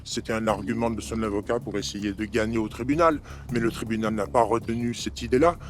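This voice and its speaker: An older man, a former mayor, answering calmly in an interview with some hesitation. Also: on the low side, fast talker, slight background noise. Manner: calm, hesitant with fillers.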